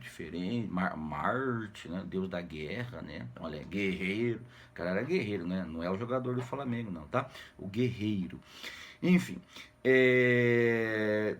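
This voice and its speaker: A literature teacher with a Brazilian Portuguese accent and a mid-range voice casually retells a classic novel to students, with a little hiss or hum in the recording. He is slangy and jokey, tags nearly everything with "né?", and acts out the characters' lines.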